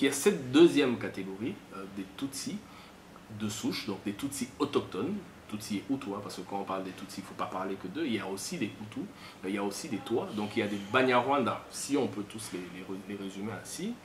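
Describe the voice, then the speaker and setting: A man from the Kasai region of DR Congo, his voice on the low side, comments on history in unscripted explanatory talk. He teaches step by step, repeating points as he goes. The room is echoey, with faint background noise.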